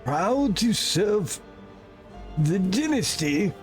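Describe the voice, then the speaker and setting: A man's voice: sits high, sing-song, drawn-out words, faint music behind, voice pushed up, heavily acted. A man voicing an ailing, loyal steward in a video game with a hammy, theatrical stage-actor delivery. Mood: weak, dutiful. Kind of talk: video game role-play read aloud.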